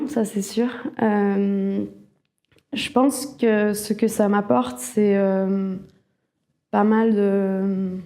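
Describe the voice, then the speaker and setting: A woman from Alsace, France, who works for a cultural network, gives a personal testimonial in an interview. She speaks reflectively and hesitantly, often rephrasing as she goes, in a mellow, mid-range voice.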